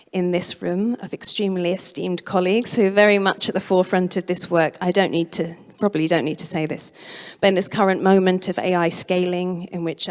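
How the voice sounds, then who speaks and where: A woman giving a conference keynote, her voice going hoarse, speaking in a measured way and correcting herself as she goes. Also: fairly low pitch. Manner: measured, self-correcting presentation. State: losing her voice. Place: museum auditorium. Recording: long reverb of a lecture hall.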